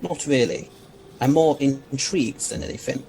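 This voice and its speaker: A man's voice: medium pitch, normal speed, warm tone, slight background noise, close to an everyday voice. A man playing an eccentric, erudite, unflappable scientist in an audio drama, speaking in a lofty theatrical manner. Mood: calm, intrigued. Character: eccentric, intrigued, unflappable male alien scientist.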